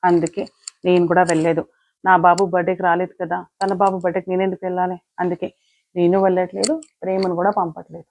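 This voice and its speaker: A woman's voice: fairly low pitch, little pitch movement, fast, a little mellow, lightly acted. A woman playing a stubborn young mother who defends holding a grudge against her friend. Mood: defensive. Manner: defensive, justifying herself. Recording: dull lo-fi, dry.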